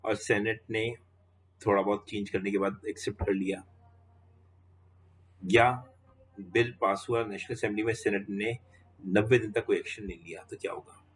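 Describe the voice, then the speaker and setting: A man's voice: lowish voice, fairly even intonation, moderate pace, long pauses, breathy edge. A man giving a law lecture, walking students through each step and repeating questions back to the class.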